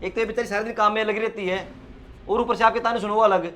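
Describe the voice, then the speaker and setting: A man's voice: sits high, steady tone, fast, fairly bright tone, a little hiss or hum. A man acting a hot-tempered, devoted son in a family drama skit, speaking emphatically and scolding. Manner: emphatic, scolding, filler-heavy. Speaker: vlog host.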